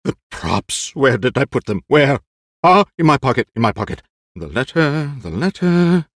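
A man's voice: lowish voice, big pitch swings, unhurried, no echo, clean studio sound, voice pushed up. A man performing a nervous, vain, aging Spanish stage actor who talks in theatrical, frantic outbursts.

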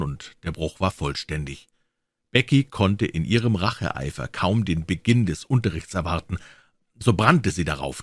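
A man with a lowish voice narrates a classic story as an audiobook. His telling is measured and expressive, and the recording is close and dry with no room sound. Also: no echo. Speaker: audiobook reader.

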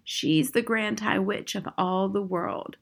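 A woman reading a story, playing a calm, sly, matter-of-fact old Norwegian grandmother. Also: medium pitch, normal speed, creaky, husky, heavily acted. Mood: sly, composed.

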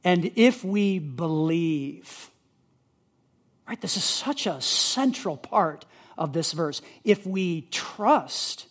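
A man's voice: on the high side, expressive, very slow. A male pastor teaching a sermon, earnest and emphatic, repeating key words for listeners to underline in their notes.

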